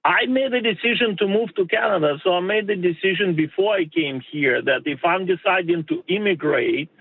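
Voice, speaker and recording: Man from ukraine calling a radio show, bit high voice, tinny phone line. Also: moderate pace, husky, no echo. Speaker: caller. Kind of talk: phone-in call.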